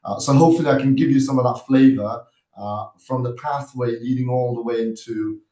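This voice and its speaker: A man in his thirties from Nepal delivers a webinar presentation over a video call. He speaks in an earnest, measured way, with frequent hesitations and restarts. His voice sits in a middle register, and the room around him sounds noticeably echoey. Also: mid-range voice, steady tone, warm tone. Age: 30s. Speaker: guest speaker, army officer.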